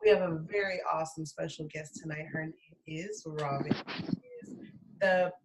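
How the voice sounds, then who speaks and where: A woman's voice: sits low, fairly even intonation, normal speed, heavy background noise. A woman hosting her own online show, introducing and questioning a guest in a friendly, hesitant way. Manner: friendly, hesitant, with many restarts. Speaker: host. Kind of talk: casual interview chat.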